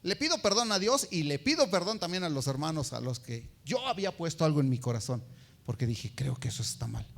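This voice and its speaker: A man preaches, telling a story from his own life. His voice sits a little high and swings widely in pitch. He mimics the people he quotes as he goes. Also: very animated, fairly quick, gravelly. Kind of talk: sermon with personal testimony.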